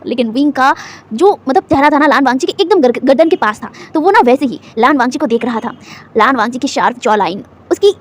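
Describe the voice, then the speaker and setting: A woman casually retelling her own fan fiction story, chatty and full of little asides. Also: high-pitched.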